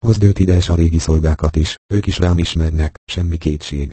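An impulsive soldier home from war, fervent and loud in his pleading, as a man reads him in an audiobook. The voice is very deep, dark and husky, recorded dry and close. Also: fairly even intonation, no echo. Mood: eager, pleading. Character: impulsive returning soldier, adult man, emotional. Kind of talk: audiobook reading.

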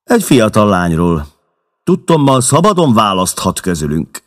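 A man's voice: on the low side, sing-song, pitched above the performer's own voice. A man voicing a bold, defiant young newcomer who talks in a challenging way.

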